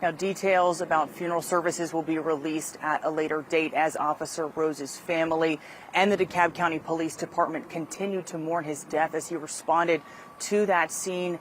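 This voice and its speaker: A woman delivering a scripted live news report as a field reporter. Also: low voice. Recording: light outdoor traffic noise.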